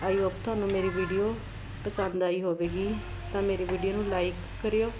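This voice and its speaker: A woman's voice: mid-range voice, level tone, normal speed. Woman, cooking channel host with a sore throat, homely step-by-step kitchen narration, faint background noise. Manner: homely, repetitive step-by-step instructions. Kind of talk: home cooking vlog narration. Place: home kitchen.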